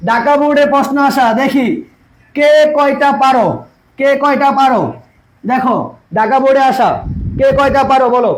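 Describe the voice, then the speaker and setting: A man teaches an online exam-prep class. His voice sits very high for a man. He repeats each point and keeps throwing rhetorical questions at his students. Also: poor audio.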